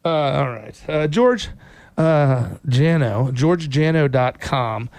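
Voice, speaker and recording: A man's voice: mid-range voice, animated, slow, a little mellow, no room sound. A man in his fifties hosting a casual radio interview, rambling and joking, slipping in sponsor plugs. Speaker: radio host.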